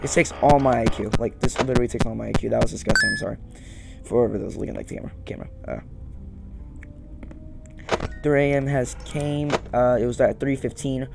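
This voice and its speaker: Indoors in a small home room, a young gaming video host talks casually over game music as he plays, muttering short phrases repeatedly to himself. He speaks fast in a creaky, medium-pitched voice with fairly even intonation, broken by long pauses.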